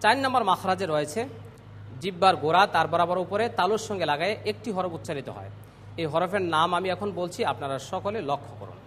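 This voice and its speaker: A man teaching Quran pronunciation, drilling letter sounds slowly and clearly and calling on students to repeat after him. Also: sits high, lively intonation, a bit bright, long reverb tail, slight background noise. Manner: slow, clear drilling of letter sounds with call-and-response prompts. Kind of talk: classroom pronunciation lesson.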